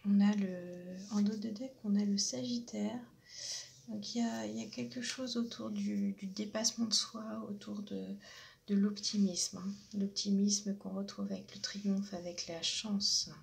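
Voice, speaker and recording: A woman giving a spiritual oracle card reading. She talks hesitantly with many fillers and often drops into a soft half-whisper. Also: medium pitch, level tone, measured pace, vocal fry, a little hiss or hum.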